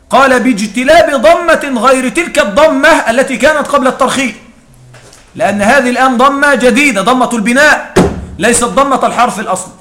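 A man's voice: extremely high pitch, sharp tone. A man teaching a grammar class as a lecture. He reads a passage aloud, explains it step by step, and keeps checking whether his students follow.

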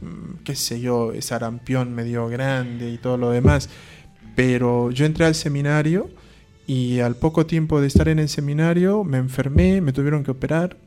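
A man's voice: medium pitch, steady tone, normal speed, dark tone, soft background music. A man, a priest giving a conversational talk on faith, asking rhetorical questions and acting out short dialogues. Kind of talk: conversational preaching.

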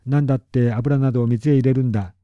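A man voicing an angry neighbor farmer who shouts his complaints, on a dull lo-fi recording. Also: medium pitch, fairly even intonation, fast, smooth, no echo, natural voice.

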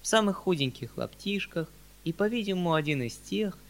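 A man reading a classic novel aloud in a measured, expressive narration. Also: high-pitched, vocal fry. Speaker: audiobook reader. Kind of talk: scripted literary narration.

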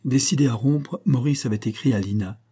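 Husky-voiced man reading a novel. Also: medium pitch, brisk, warm tone. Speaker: audiobook reader. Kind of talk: scripted narration of a novel.

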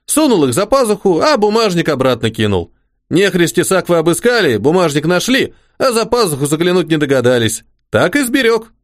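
A man voicing a devoted old soldier-servant, humble and eager, his folksy words tumbling out as he fusses over his officer. The voice sits high and swings up and down. The sound is close and dry, with no room around it. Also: big pitch swings, a little fast, no room sound. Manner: rustic folksy speech, fussing and eager. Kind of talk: audiobook character voice.

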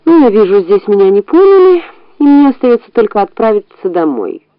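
A woman's voice: mid-range voice, very animated, a little fast, clean tone, no echo, highs cut off, lightly acted. A woman voicing a sly, boastful old female rat in a storybook reading, wheedling and full of self-praise. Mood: offended.

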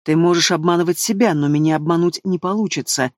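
Man playing a dragon prince, proud, predatory, insistent, fairly high voice, dry studio sound. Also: fast talker, no echo, natural voice. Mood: intense. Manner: growling, insistent.

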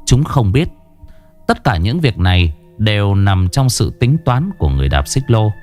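Expressive male storyteller, faint music. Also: lowish voice, normal speed. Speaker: narrator. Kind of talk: horror story narration.

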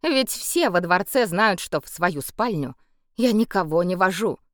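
A woman voicing a tired, level-headed male noble who speaks in a calm, dry manner. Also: lowish voice, unhurried, no echo. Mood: irritated. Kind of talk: audiobook character voice.

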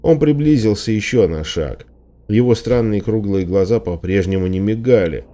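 A man reading a first-person story aloud as an audiobook narrator, steady and dramatic. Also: fairly low pitch, moderate pace. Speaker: audiobook reader.

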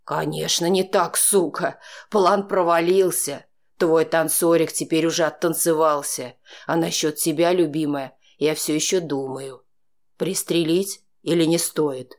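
A cruel, jealous drunk man sneers and threatens in a low, mocking voice, as a woman puts him on. The audiobook reading lowers the tone, menacing even in quieter lines. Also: unhurried. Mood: menacing sneering.

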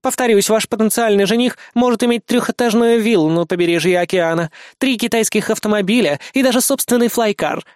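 A stern, bureaucratic registry clerk woman lectures in a formal, officious tone, as a male audiobook narrator puts her on. Her voice is raised and sits high, and the reading is dry and close. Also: fairly quick, hardly any pauses, smooth, no room sound, natural voice.

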